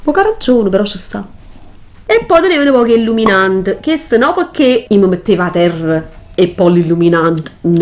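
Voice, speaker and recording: A woman's voice: medium pitch, a little mellow. A woman with a Neapolitan Italian accent giving a casual, chatty makeup tutorial in dialect, colloquial and emphatic, often repeating herself for stress. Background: music.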